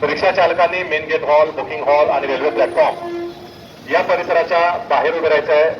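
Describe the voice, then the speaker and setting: A man making firm, measured announcements over a railway station PA loudspeaker and repeating his instructions. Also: a little high, steady tone. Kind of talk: public address announcement. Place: railway station, heard from the platform. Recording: echoey muffled loudspeaker, faint noise.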